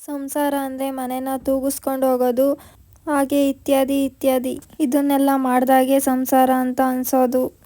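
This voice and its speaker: A woman's voice: high-pitched, monotone, moderate pace, lightly acted. A woman voicing a defensive, scheming young daughter-in-law. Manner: defensive, cheeky.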